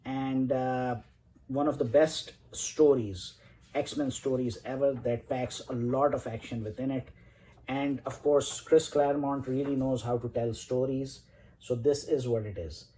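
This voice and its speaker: A man in his forties from Saudi Arabia talks through his comic collection, rambling with enthusiasm. His voice is mellow and warm. A faint hiss sits under the recording. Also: mid-range voice, steady tone, a little slow, low-quality recording. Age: 40s. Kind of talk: casual collection showcase.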